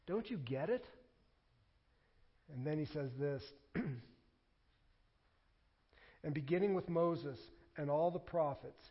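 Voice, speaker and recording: A pastor preaching a sermon, moving between quiet scripture reading and loud emphatic declarations. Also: male voice, on the high side, slightly rough, muffled recording.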